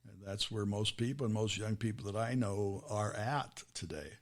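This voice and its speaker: The American podcast host, middle-aged, has a lowish voice and talks at normal speed. His conversational questions come out in loose, rambling stretches with frequent restarts.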